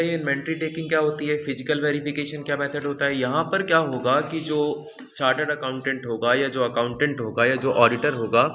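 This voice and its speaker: A man's voice: medium pitch, a bit bright, slight background noise. A male accounting teacher lecturing a classroom, repeating answers back and quizzing students as he goes. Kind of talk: classroom lecture with call-and-response.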